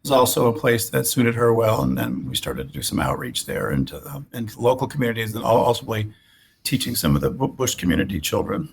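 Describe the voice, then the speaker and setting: This sixties-aged orthopedic spine surgeon, who grew up in Alaska, reflects on his past as an interview guest, rambling and restarting often while repeating words. His fairly low voice has a sing-song lilt, a quick pace and vocal fry. A faint hiss or hum sits in the recording.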